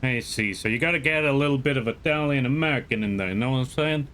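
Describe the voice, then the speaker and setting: A man with a medium-pitched, slightly bright voice talks fast while streaming a game live, giving playful commentary, reading chat aloud, and joking with the game as he plays.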